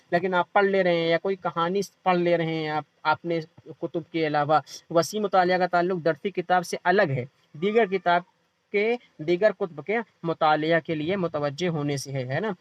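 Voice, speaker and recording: A man's voice: a little high, clean tone, no room sound, lo-fi sound. A man teaching an exam-prep class, explaining by asking and answering his own questions, while feeling unwell. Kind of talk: online exam-prep lecture.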